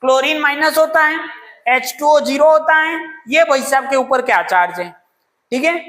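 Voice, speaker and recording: A woman's voice: high voice, moderate pace, a bit bright. A woman teaching a chemistry lecture, asking questions and answering them herself, with homely examples. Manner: homely examples, playful asides. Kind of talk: classroom lecture.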